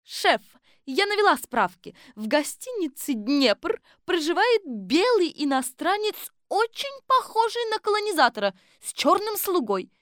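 A woman voicing an eager young female detective assistant in an audiobook, reporting excitedly. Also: very high voice, measured pace, no room sound, clean studio sound, pitched above the performer's own voice, heavily acted. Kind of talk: audiobook character voice.

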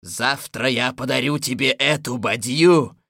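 A man voicing a gleeful, domineering immortal sorcerer who barks loud, imperious commands in a storybook reading. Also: medium pitch, unhurried, no room sound, studio quality, voice pushed up. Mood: commanding.

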